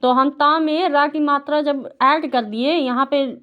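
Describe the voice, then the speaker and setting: A woman with a high voice gives a patient home lesson to a young child. She asks question after question and repeats each answer so the child follows along. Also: steady tone, a little slow, highs cut off. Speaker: tutor teaching a child. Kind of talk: home tutoring, Hindi lesson.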